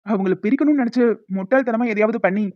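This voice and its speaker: A woman's voice: on the high side, fast talker, no room sound, close to an everyday voice. A woman voicing a polite, earnest young man in a cartoon, who turns sharply accusing. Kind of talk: cartoon voice acting. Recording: dull, dry lo-fi recording.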